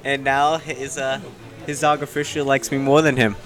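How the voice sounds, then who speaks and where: A young man co-hosting a podcast, trading dry, quick comebacks in casual banter. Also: medium pitch, little pitch movement, a bit bright, faint music behind. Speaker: podcast co-host.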